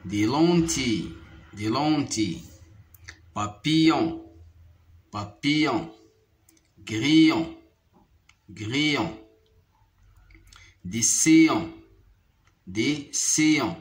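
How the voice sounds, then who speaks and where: A man with a Moroccan accent teaching a French phonics lesson, repeating each word slowly and carefully. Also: medium pitch, expressive. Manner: slow, deliberate syllable-by-syllable repetition. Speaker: primary school French teacher.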